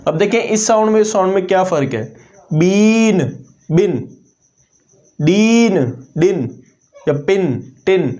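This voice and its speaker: A man's voice: high voice, animated, moderate pace, mellow. A man gives a classroom-style lesson in a slightly raised voice. He explains step by step and drills example words aloud. The recording sounds dull and lo-fi. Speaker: English teacher.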